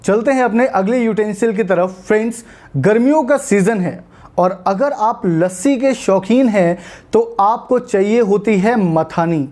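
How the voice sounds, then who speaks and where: A woman with an Indian accent teaching a spoken English lesson, explaining patiently and slowing down to spell out words. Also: mid-range voice, warm tone.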